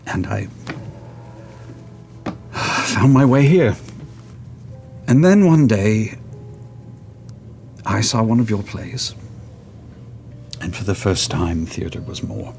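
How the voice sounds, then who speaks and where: A man playing a created male stage character in a tabletop game, speaking in an earnest, halting way. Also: on the low side, expressive, creaky, a little mellow, faint music behind, full character voice. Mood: tender, yearning. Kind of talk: tabletop role-play in character.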